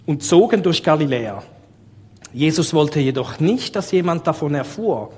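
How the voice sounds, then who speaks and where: A man with a Swiss German accent delivers a sermon in a fairly high voice, asking his listeners question after question. His voice rings with a long hall reverb. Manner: lively, asks the audience rhetorical questions. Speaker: preacher.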